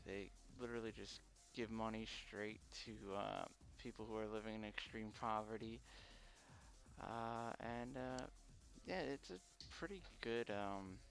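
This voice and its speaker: Gravelly man talking through a face mask. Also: fairly low pitch, a bit bright. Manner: halting, hesitant, unpolished first-time streamer. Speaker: live streamer. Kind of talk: casual unscripted livestream chat.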